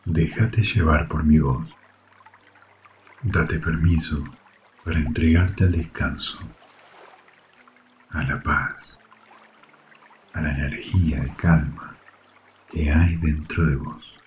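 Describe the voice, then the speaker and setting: A man with a very low voice and a Rioplatense Spanish accent guides a yoga nidra session for sleep. He speaks slowly and softly, leaving long, soothing pauses. Water trickles faintly behind him. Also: steady tone, dull audio, a little hiss or hum. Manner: soft, soothing, hushed delivery with long pauses. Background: trickling water sounds.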